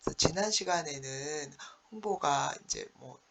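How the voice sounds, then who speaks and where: A male teacher giving an online class lecture, retelling a story with animated exclamations. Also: a little high, unhurried, vocal fry, very noisy.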